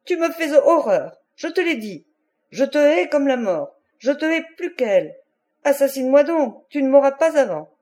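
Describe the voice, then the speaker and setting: A woman's voice: a little high, lively intonation, moderate pace, mellow, close to an everyday voice. A woman reading an audiobook, voicing a fiery and capricious young woman who swings from defiance to pleading. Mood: defiant.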